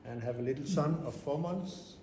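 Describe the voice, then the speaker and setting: A man's voice: a little high, moderate pace. An older man from Denmark, introducing himself plainly as a guest at a club meeting. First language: Danish. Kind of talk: casual self-introduction. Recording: echoey room with background noise.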